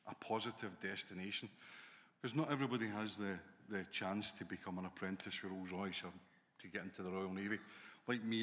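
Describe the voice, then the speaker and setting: A man's voice: lowish voice, fairly bright tone. A middle-aged man with a Glaswegian accent, speaking as an educator on a conference panel. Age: 40s or 50s. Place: large hall on a conference stage. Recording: reverberant conference hall.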